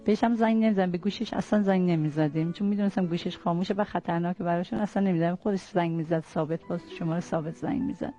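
A woman's voice: on the low side, hardly any pauses, dark tone. A middle-aged woman, a mother, recalling her son in an earnest, tearful way as she tells the story. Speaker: mother of a fallen soldier. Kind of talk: emotional personal recollection. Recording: muffled lo-fi audio with faint music.

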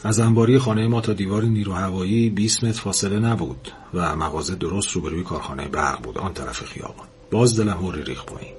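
A man reading a novel aloud in a calm, steady audiobook narration. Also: deep voice, hardly any pauses.

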